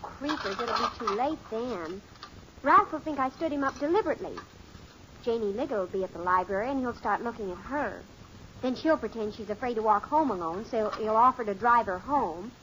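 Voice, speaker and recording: A woman's voice: fairly high pitch, lively intonation, fairly quick, close to an everyday voice. An actress playing a dramatic, boy-smitten teenage daughter in a 1950s radio sitcom. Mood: whiny, dramatic. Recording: muffled, noisy old 1950s radio recording.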